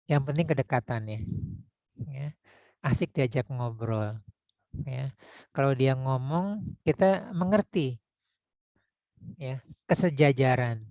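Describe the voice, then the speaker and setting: A man teaching public speaking in a casual lecture, talking conversationally with frequent tag words and demonstrating deep and high vocal tones. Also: a little mellow, dry recording, muffled recording. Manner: conversational, frequent "ya" and "gitu ya" tags.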